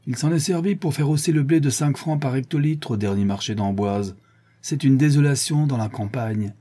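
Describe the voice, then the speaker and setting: A man's voice: mid-range voice, normal speed, dark tone, lightly acted. Brief: male reader as a burly, half-drunk young villager, indignant. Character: big, well-fed young man reeking of wine.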